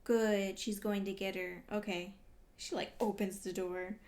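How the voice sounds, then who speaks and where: This woman's mid-range voice has a darkish tone and little pitch movement, and she keeps a measured pace. As a vlogger, she reacts casually while reading, in an exclamatory, invested way.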